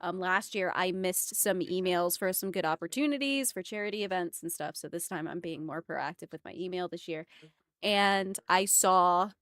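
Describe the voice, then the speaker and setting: A woman's voice: fairly low pitch, moderate pace, no echo. Chatty woman livestreamer with a dry, close sound. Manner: chatty, expressive, effusively thankful to viewers. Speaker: livestreamer, emote artist. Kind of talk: casual livestream chat with viewers.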